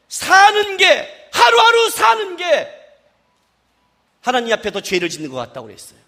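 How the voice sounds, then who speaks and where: A man preaching a sermon as pastor at a worship service, playful and lively, acting out dialogue and firing rhetorical questions at the congregation. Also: very high-pitched.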